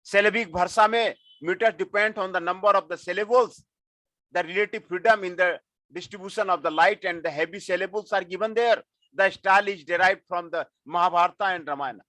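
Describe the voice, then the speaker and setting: A man's voice: high voice, fairly bright tone, no room sound. A middle-aged man giving a classroom lecture, mixing Hindi and English and repeating his phrases. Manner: mixes Hindi and English, repeats phrases, frequent filler "aapko".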